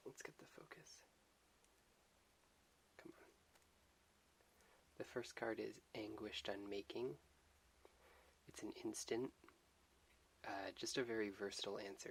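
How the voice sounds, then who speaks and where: Man, soft-spoken ASMR commentary, gravelly fry, narrow intonation, unhurried, faint hiss. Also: fairly low pitch. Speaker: host of an unboxing video. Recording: hissy background noise.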